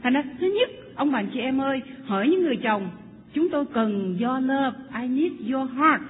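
A woman's voice: high-pitched, expressive, moderate pace, husky. A middle-aged woman giving a sermon, asking her listeners questions and slipping in English phrases. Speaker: marriage counselor and church speaker. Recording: echoey hall over tinny line with faint hum.

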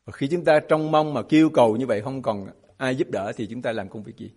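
A man's voice: mid-range voice, fairly quick, a little mellow. A man preaching a sermon as a pastor, emphatic and asking his congregation rhetorical questions.

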